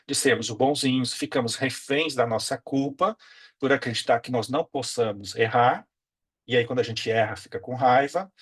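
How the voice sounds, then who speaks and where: A man's voice: medium pitch, breathy edge. A man gives a reflective spiritual lecture, asking rhetorical questions and often checking in with his listeners. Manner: reflective, asks rhetorical questions, frequent tag questions.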